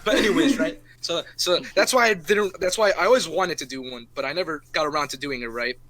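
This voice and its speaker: A man's voice: on the high side, fairly quick, a crowd in the background. A young man on a podcast, telling a long casual story, swearing often and tagging "right?" onto his sentences. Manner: rambling, swears a lot, keeps adding "right?". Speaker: podcast co-host. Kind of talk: casual chat.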